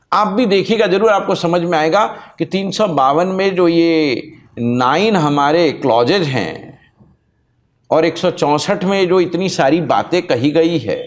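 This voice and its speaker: A male law teacher giving a lecture-style channel introduction, stressing key points emphatically, repeating them, and spelling out words letter by letter. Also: fairly high pitch.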